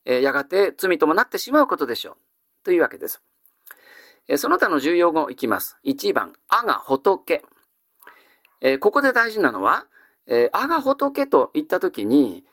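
A man teaching vocabulary in an exam-prep lecture, with a lively, animated pitch. His delivery is patient and explanatory, with frequent drawn-out fillers. The recording is dry and close. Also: no echo. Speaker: classical Japanese teacher.

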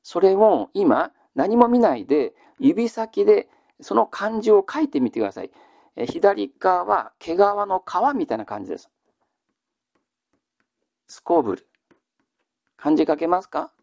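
A man leads a classical reading lesson and patiently quizzes his listeners, then repeats each answer. His voice is gravelly and his pitch moves a lot. The sound is close and dry. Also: big pitch swings, a little mellow, dry recording. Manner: polite, measured lecturing with frequent fillers. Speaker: teacher.

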